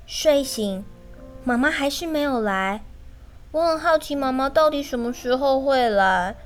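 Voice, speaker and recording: A woman teacher, reading a children's picture book in a gentle, sing-song way and speaking directly to the children. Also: high voice, lively intonation, measured pace, soft background music. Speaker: kindergarten storyteller teacher.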